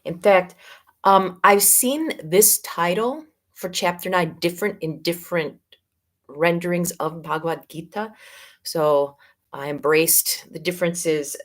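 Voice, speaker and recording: With a slightly low, gentle voice, a middle-aged woman who teaches yoga offers a spiritual talk in a Midwestern American accent. She takes her time, lingering on the important words.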